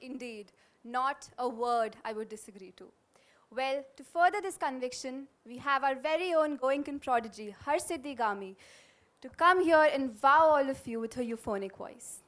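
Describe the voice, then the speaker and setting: A woman's voice: high voice, normal speed, a bit bright. A young woman compering a school event in a polished, declamatory manner. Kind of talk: scripted stage announcing and poetry recital.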